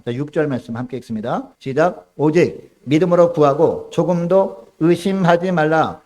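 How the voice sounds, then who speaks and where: A man's voice: medium pitch, darkish tone. A man preaching a Sunday sermon as pastor, asking the congregation questions and answering them himself.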